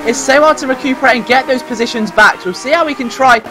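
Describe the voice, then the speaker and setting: A man's voice: very high-pitched, quick pace, music in the background. A man giving live motorsport race commentary.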